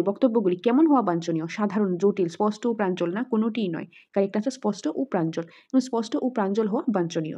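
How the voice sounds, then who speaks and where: Fast-talking woman teacher. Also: on the high side, dark tone, highs cut off. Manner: repeats and rephrases each answer, mixing in English words. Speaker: exam-prep teacher. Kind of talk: quiz-style exam lesson.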